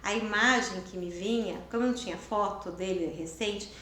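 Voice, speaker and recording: A woman around fifty with a Brazilian Portuguese accent, a guest in an interview who tells her story in a casual, animated way and acts out the dialogue. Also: mid-range voice, moderate pace. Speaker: interview guest, writer and lawyer. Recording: roomy echo.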